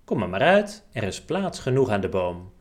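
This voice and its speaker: A man voicing a vain, proud little male autumn leaf in a children's storybook, talking in a shrill, fretful, self-admiring way. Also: big pitch swings, moderate pace. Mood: curious.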